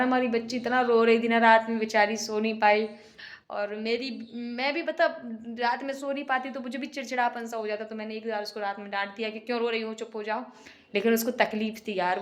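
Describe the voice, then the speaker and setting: Young mother venting on a home vlog; emotional, subdued delivery, slightly high voice, kitchen setting. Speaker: vlogger, single mother. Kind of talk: casual vlog monologue.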